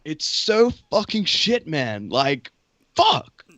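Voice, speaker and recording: An Australian man putting on the voice of a brash young American party-bro with an American accent, loud and cursing. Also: on the high side, very animated, slow pace, no room sound, full character voice. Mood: whiny. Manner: loud, cursing, whiny about lockdown.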